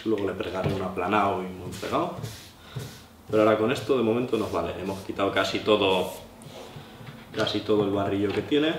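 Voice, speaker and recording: In a hands-on tutorial, a low-voiced knife sharpening instructor from Albacete, with a La Mancha Spanish accent, explains practically and thinks aloud while sharpening on a stone at an indoor table. The background is noisy, and the sound is roomy and distant, with the blade scraping against the stone.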